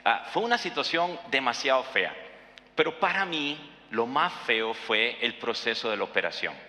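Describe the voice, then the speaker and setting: A man's voice: medium pitch, expressive, normal speed, pushed and bright, roomy sound, long reverb tail. A man, preaching conversationally and telling a family story, with fillers and tag questions. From Costa Rica. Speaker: pastor. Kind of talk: sermon with personal story.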